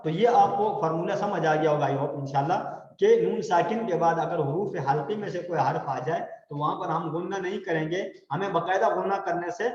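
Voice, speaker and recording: A man teaching Quran recitation rules, slowly drawing out example words for students to repeat. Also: high voice, darkish tone. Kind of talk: tajweed lesson with call-and-response recitation. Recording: echoey hall, dull lo-fi sound.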